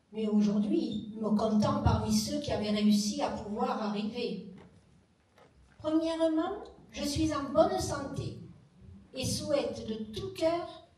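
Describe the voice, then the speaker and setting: A woman reading old letters aloud at a public event, slow and measured. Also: high-pitched, a little mellow. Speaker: reader of wartime letters. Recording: echoey room, voice from far off.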